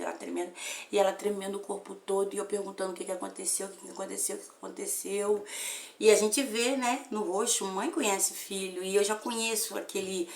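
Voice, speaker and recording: A woman's voice: mid-range voice, gravelly. A Brazilian woman in her fifties, a mother telling a family story with feeling and repeating phrases for emphasis. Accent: Brazilian Portuguese. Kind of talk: emotional personal storytelling. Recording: roomy echo.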